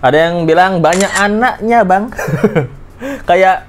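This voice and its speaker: A man's voice: high-pitched, slow. A man giving joking reaction commentary on clips, laughing often. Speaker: commentary vlogger.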